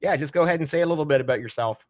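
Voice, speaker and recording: A man's voice: on the high side, very fast. A Canadian man hosting a podcast, asking eager, rambling questions of his guest. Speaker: podcast host. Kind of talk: podcast interview.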